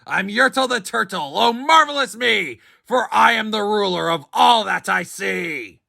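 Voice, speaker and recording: A man voicing a pompous, boastful male turtle king who shouts and bellows. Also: high-pitched, animated, measured pace, gravelly, no echo, clean studio sound, voice pushed up, exaggerated voice. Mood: gloating. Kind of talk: storybook reading.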